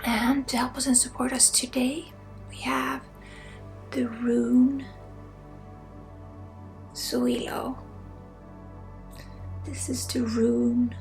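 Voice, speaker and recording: A Swedish spiritual healer and ASMR host leads an energy healing session at a very unhurried pace, her Swedish accent clear. Her soft, fairly high voice often sinks into a crackly whisper with vocal fry, while faint music plays in the background.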